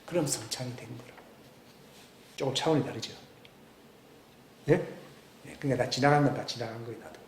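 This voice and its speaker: A man, preaching a sermon as pastor, swinging between loud emphatic questions and hushed, near-whispered asides. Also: medium pitch, a little fast, pauses often. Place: church sanctuary. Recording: echoey church room with faint background hiss.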